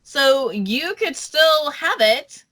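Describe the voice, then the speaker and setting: A woman's voice: sits high, lively intonation, drawn-out words, pushed and bright. A woman co-hosting a podcast, chatting casually, ranting crudely and swearing heavily. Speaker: podcast co-host. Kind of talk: casual chat.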